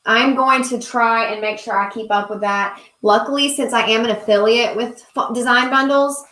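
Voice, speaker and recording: This young woman from South Carolina hosts a crafting live stream, chatting in her Southern US accent while she works, gushing over viewers, thanking them, and reading their comments aloud. Her slightly high, fairly bright voice holds a steady tone at a moderate pace, with roomy echo.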